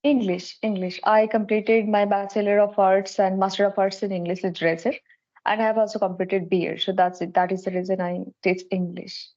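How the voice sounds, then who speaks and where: Woman from india chatting slow n careful, muffled lo-fi call audio, middle pitch. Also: level tone, a little mellow. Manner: slow, careful non-native English. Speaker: English tutor. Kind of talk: casual practice conversation.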